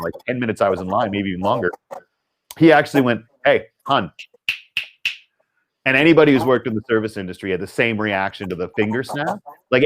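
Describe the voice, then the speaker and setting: A Canadian man, a leadership speaker, telling a story in an animated, conversational way and acting out the quotes. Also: mid-range voice, background noise. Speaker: podcast guest, leadership speaker.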